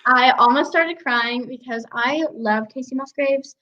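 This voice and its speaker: Teenage girl, bright high voice, giggly chatter, muffled lo-fi audio. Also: measured pace. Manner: giggly, lots of "like" fillers. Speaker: guest, young voice actress. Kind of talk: casual interview chat.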